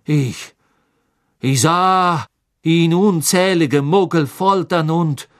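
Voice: medium pitch, extremely slow, no echo, studio quality, voice pushed up. An audiobook reader voicing a cowardly male former follower who speaks hastily and breathlessly, stammering as he pleads. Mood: pleading. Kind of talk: audiobook character voice.

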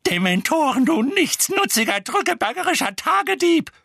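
Mrs Figg, shrill scolding old woman voiced by a man. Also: sing-song, moderate pace, slightly rough, no room sound, clean studio sound, heavily acted. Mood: furious shrieking. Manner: screeching, scolding.

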